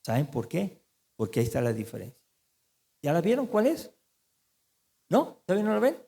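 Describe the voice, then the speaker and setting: Pastor, male, lively sermon, slightly high voice, long church reverb. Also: moderate pace, gravelly. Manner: animated, asks the congregation questions.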